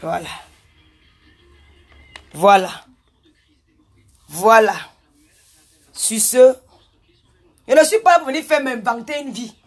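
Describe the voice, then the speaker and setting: Loud combative woman. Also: on the high side, expressive, takes it slowly, pauses often, faint music behind. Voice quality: loud, forceful way of talking. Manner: combative, scolding, repetitive. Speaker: social media personality. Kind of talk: ranting live video address.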